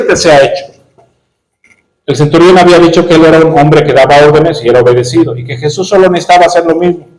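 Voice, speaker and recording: A man's voice: a little high, a little mellow. A man teaching a Bible class in a conversational way, using fillers and tag questions and acting out quoted speech in a raised voice. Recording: echoey room.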